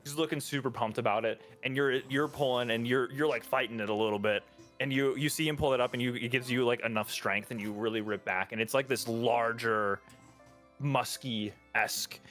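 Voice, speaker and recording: A man's voice: medium pitch, steady tone, normal speed, a bit bright, faint music behind. A man narrating as game master of a tabletop game, rambling with many restarts. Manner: rambling, restarts often, laughs.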